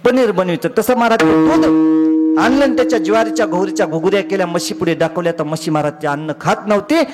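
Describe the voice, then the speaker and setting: A man preaching a comedic devotional kirtan, telling lively stories and often calling out to the crowd. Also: high-pitched, quick pace. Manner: animated storytelling, acting out each character; often addresses the crowd as maharaj and baba.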